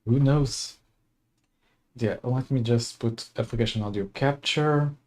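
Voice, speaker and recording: Streaming a game from a desk mic, a young man from Slovakia chats casually, laughs often, and reads game text aloud. He has a medium-pitched, darkish voice and talks a little slowly.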